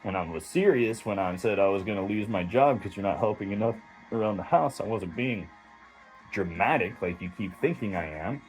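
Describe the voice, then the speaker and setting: A man's voice: fairly low pitch, normal speed, faint music behind, low-quality recording. A man delivering a heated, rambling, profanity-filled monologue straight to camera as a vlogger.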